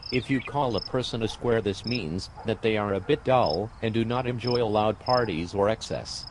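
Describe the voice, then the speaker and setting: A man reading an English vocabulary lesson in a measured, deliberate way. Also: fairly low pitch, background noise. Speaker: English teacher.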